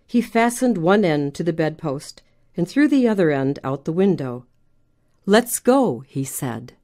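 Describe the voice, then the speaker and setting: A woman narrating a children's storybook in a gentle, even storytelling manner. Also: deep voice, moderate pace.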